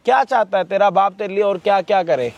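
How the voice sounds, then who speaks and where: A man's voice: high-pitched, quick pace, lo-fi sound, background noise. A male host staging a street confrontation, scolding and mocking with abusive words.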